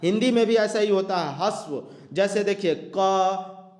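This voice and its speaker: A man's voice: high-pitched, a little slow, darkish tone. A man teaching an exam-prep grammar lesson, explaining step by step, repeating terms and drawing out example sounds. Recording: echoey room.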